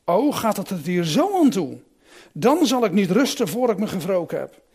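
A man's voice: high-pitched, sing-song, normal speed, warm tone, breathy edge, exaggerated voice. A man reading a Bible passage aloud, voicing Samson as a proud, vengeful strongman in a raised, declaiming voice. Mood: furious.

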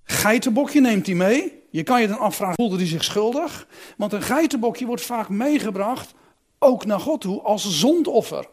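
A man's voice: sits high, animated, normal speed. A man reading a Bible passage aloud and then explaining it in a musing, conversational way with a few restarts.

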